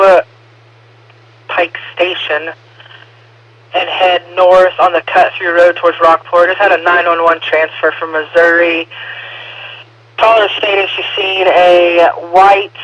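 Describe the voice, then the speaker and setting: A man's voice: sits high, steady tone, takes it slowly, pauses often, a bit bright, slight background noise. Male dispatcher over a dull radio line. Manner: terse, clipped dispatch codes. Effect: two-way radio transmission. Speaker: police dispatcher.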